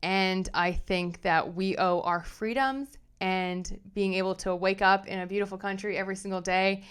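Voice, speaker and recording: A young adult woman hosting a casual commentary vlog, chatty and animated as she reads messages aloud and reacts to them. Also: lowish voice, clean tone. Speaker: pop culture commentary host.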